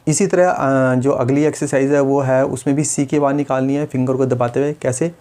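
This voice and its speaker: A man, a speech therapist calmly explaining exercises step by step. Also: mid-range voice, moderate pace, slight background noise. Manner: patient, step-by-step, demonstrates sounds. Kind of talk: instructional demonstration.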